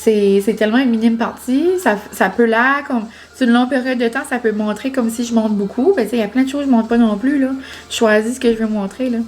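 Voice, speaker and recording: A woman's voice: fairly high pitch, quick pace, a little mellow. A young woman with a Quebec French accent, vlogging in a casual, rambling way, full of fillers and restarts. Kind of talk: casual chat to camera.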